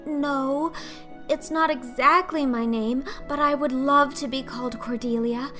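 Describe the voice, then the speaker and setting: Woman as a high-voiced, dramatic orphan girl. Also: steady tone, unhurried, bright, forceful tone, faint music behind. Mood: eager, pleading. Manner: theatrical, earnest, pleading. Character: dramatic, talkative, imaginative eleven-year-old orphan girl. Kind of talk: audiobook character acting.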